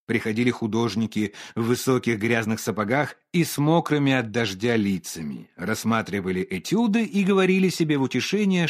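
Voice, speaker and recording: A male narrator reads a classic story in an expressive, theatrical way. His pitch sits in the middle range and moves a great deal. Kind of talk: expressive literary audiobook reading.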